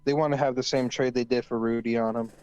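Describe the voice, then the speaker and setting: Man, smooth clear voice, casual sports co-host, medium pitch, dull lo-fi recording. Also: steady tone, fast, darkish tone, no echo. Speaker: podcast co-host.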